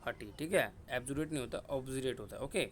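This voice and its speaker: Young male tutor, mid-pitched, repetitive quiz-and-answer delivery, faint background hiss. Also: fast. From India. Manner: repetitive, drilling words and asking himself questions. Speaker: exam-prep vocabulary teacher. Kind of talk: casual Hindi vocabulary lesson with memory tricks.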